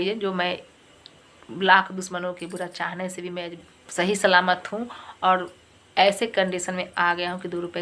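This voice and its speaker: A woman's voice: on the low side, fairly bright tone. A middle-aged woman with a cold, chatting in her home kitchen and retelling a story in a casual home vlog. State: has a cold. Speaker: vlogger.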